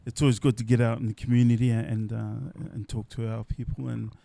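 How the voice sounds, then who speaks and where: A middle-aged man telling his story as a podcast guest, unhurried and reflective, often trailing off softly and restarting. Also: medium pitch, level tone, gravelly. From New Zealand. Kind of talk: relaxed storytelling. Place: indoors at a company's headquarters.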